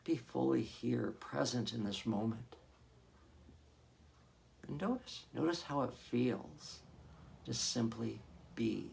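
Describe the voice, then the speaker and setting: Acting as a hypnotherapist, a man guides a meditation in a creaky, mid-range voice with lively intonation. His instructions stay gentle and soothing, broken up by long pauses.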